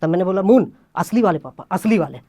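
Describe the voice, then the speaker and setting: A man's voice: sits high, fast talker, no echo, clean studio sound. A young man at an open mic stage, telling a comic story and acting out his friends' voices as he goes. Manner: acts out friends' voices in a lively retelling. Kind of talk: stand-up storytelling.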